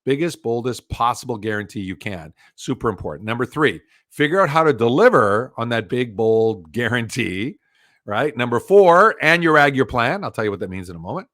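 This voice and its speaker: A middle-aged man giving a live virtual business talk over a video call, telling stories with lively acted-out quotes. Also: medium pitch, normal speed, no room sound, clean studio sound. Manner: animated storytelling, acts out quoted voices. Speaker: business speaker.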